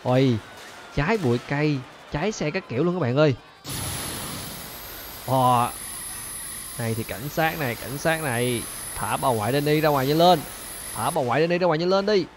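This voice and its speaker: Excitable male gameplay commentator. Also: a little high, normal speed, long pauses, background noise. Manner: animated, keeps addressing viewers as "các bạn ơi". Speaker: gaming channel host.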